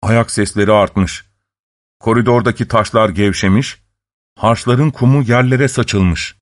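A man narrating a fairy tale in an expressive, dramatic storytelling manner. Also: on the low side, measured pace.

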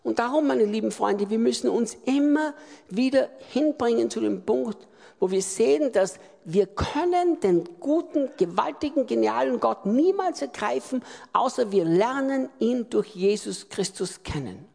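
A man preaching a sermon, emphatic and repetitive, with loud swells. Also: very high-pitched, lively intonation, unhurried, vocal fry. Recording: long reverb of a large hall.

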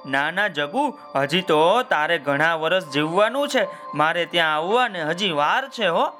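A gentle, kindly god, as a narrator puts him on, speaking in soft, reassuring tones with a fairly high voice. It is a storybook telling with faint music in the background. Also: male voice, expressive, a little slow. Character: gentle smiling male god.

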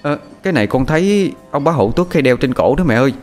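A man's voice: fairly high pitch, expressive, a little mellow, soft background music, pitched above the performer's own voice, natural voice. A man voicing an eager, insistent village boy. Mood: urgent insistence. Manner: pleading, raised, quick.

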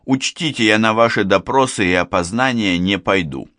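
A man's voice: on the low side, moderate pace, a bit bright, no echo, clean studio sound, pitched above the performer's own voice, close to an everyday voice. Man doing a fretful old retired postman. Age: older. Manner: plaintive, wordy, self-pitying.

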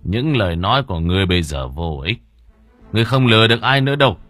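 A man voicing a calm, commanding old male exorcist master who speaks in stern, measured words. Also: fairly low pitch, no room sound.

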